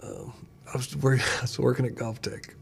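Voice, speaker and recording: A man who is a pastor, telling stories in a casual chat and getting animated when he retells dialogue. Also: mid-range voice, normal speed, vocal fry, slightly rough. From United States. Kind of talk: casual conversation, storytelling.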